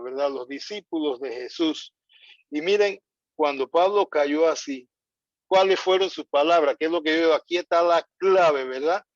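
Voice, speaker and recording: Slow, deliberate male preacher. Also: dry recording. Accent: Latin American Spanish. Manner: slow, deliberate, reads scripture aloud and repeats key points. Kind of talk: sermon. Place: church. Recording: dull, dry low-fidelity church recording.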